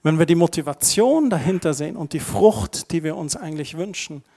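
Casting: middle-aged man, pastor giving a chatty sermon, voice sits a bit high. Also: expressive, brisk, vocal fry, a little mellow. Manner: conversational, asides with tag questions.

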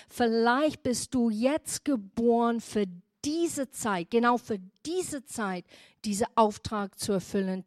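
A woman pastor giving a sermon who retells Bible stories in a lively, emphatic way. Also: a little high, no echo, clean studio sound.

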